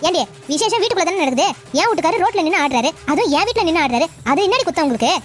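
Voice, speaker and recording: A woman voicing a sharp-tongued, defiant middle-aged wife in a cartoon family drama. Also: very high voice, animated, very fast, soft background music. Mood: snappy. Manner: snappy, dismissive.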